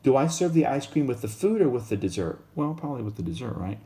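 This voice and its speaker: A man explaining Spanish grammar in a casual lesson, modelling each Spanish phrase slowly and more loudly than his English. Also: mid-range voice, sing-song. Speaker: Spanish teacher.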